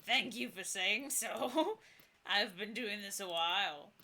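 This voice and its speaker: A woman voicing a boastful, folksy old male ghost in a video game, with a creaky old voice. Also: medium pitch, animated, sharp tone, exaggerated voice. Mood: proud. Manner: folksy, drawn-out old-timey phrasing. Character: boastful ancient male plague ghost in a top hat.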